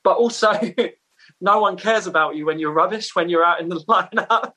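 A man's voice: sits high, moderate pace, pushed and bright. A man from Essex chatting casually as an interview guest, with laid-back slang and a self-deprecating manner. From Essex, England. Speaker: musician, podcast guest.

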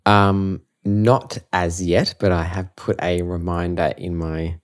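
Male musician guest, Australian accent, low voice, casual easygoing conversational delivery. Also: steady tone, slow. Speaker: musician being interviewed. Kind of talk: casual chat.

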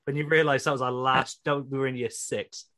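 A young British man hosting a podcast, animated and blunt, swearing as he jokes. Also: mid-range voice, brisk. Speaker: podcast host. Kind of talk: casual podcast chat.

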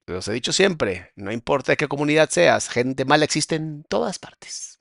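In studio-quality audio with no echo, a Mexican psychologist hosting reaction commentary speaks in a slightly high, bright, gravelly voice at normal speed. Very animated, he explains what he's watching and points things out, growing preachy and emphatic with his opinions.

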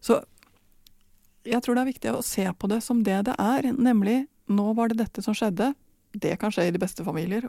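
A woman explains parenting ideas in a calm, measured way. Her voice is warm and mellow. The recording is dry and close, with no room sound. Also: mid-range voice, dry recording. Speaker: parenting expert guest. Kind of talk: calm advice in conversation.

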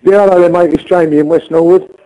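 A man's voice: on the high side, fairly even intonation. A man calling in to a phone-in show, chatting casually over a clipped phone line. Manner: quick and chatty, relaying news. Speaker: caller.

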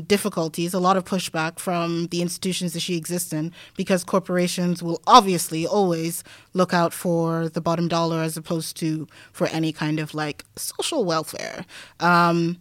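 Low-voiced reflective woman, dry sound. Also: steady tone, moderate pace, a bit bright, no echo. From Denmark. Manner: reflective, thinks aloud with frequent "like" and "um"; laughs easily, wry asides. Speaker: guest scholar. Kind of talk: conversational podcast interview.

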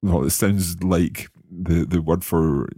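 Deep-voiced man hosting a language lesson. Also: dark tone, husky, no echo, clean studio sound. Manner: curious learner, tries phrases slowly. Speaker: language course host.

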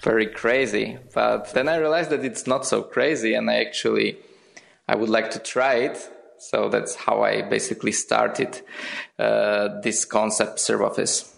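Slow, gravelly young man from Slovakia. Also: fairly low pitch, steady tone. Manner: hesitant, repeats words. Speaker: guest, founder. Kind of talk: podcast interview.

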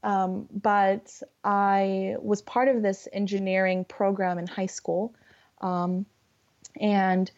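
Over a lo-fi, dull-sounding online voice call, a Californian-accented woman chats casually as a podcast guest and English conversation partner. Her voice is medium-pitched and a little mellow, and she speaks in a giggly, hesitant manner.

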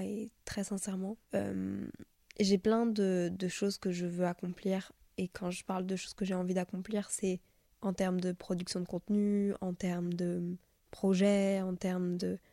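A woman's voice: mid-range voice, dark tone, no room sound, clean studio sound. A young woman podcasting casually and confidingly, with a nasal voice stuffed up by illness. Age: young adult. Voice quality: nasal, congested voice. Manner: confiding, informal, sprinkles in English slang. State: sick with a stuffy nose. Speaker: podcast host. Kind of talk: casual solo podcast chat.

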